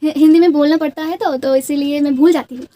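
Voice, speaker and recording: A woman's voice: high-pitched, steady tone, fast, dark tone. Chatty young woman with Bengali accent. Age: young adult. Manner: chatty, rambling, many restarts and fillers. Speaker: beauty vlogger. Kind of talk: casual storytelling with makeup.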